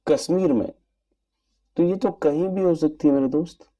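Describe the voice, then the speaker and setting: A man giving an earnest, measured spoken movie review in formal wording. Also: on the high side, dark tone, muffled recording. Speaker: film reviewer.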